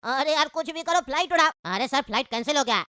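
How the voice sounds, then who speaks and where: A woman's voice: high-pitched, animated, quick pace, sharp tone, no room sound, clean studio sound. A woman voicing a timid flight attendant who apologetically tells passengers that the flight is cancelled. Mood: apologetic. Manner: apologetic, subdued. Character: meek male flight attendant. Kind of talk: comic cartoon voice acting.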